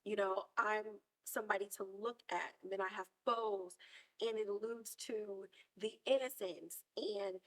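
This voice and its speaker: A woman hosting a podcast, retelling a TV episode in casual chat and acting out the characters in big, excited bursts. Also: a little slow, vocal fry. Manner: animated storytelling, acts out characters with big high-pitched bursts. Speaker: podcast host.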